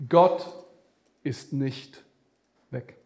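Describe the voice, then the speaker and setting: A man's voice: mid-range voice, drawn-out words, warm tone, roomy sound. A man preaching a sermon, speaking animatedly with vivid comparisons and addressing the listeners directly.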